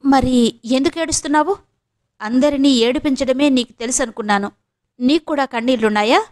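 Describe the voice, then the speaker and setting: A woman's voice: on the high side, normal speed, lightly acted. A woman reading an audio novel, voicing a blunt young friend who scolds and needles, in a raised, firm voice. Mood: sarcastic. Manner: firm, cutting, lecturing.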